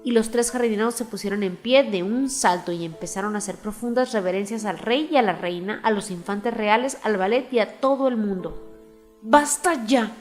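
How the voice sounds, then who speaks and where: Woman reading a storybook aloud, middle pitch, steady and expressive, faint music under. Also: fairly quick, few pauses, big-room sound. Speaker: audiobook narrator. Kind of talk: scripted storybook narration.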